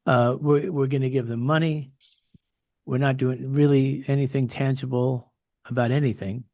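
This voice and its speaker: A man's voice: medium pitch, steady tone, normal speed, mellow, no echo. Male podcast host, inquisitive questions, dry close sound. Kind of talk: podcast interview.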